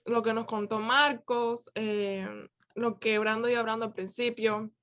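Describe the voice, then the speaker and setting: Woman reflecting warmly in a youth class. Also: a little high, fairly even intonation, a little slow. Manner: conversational, with many fillers and restarts. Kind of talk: casual reflective teaching. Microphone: video call.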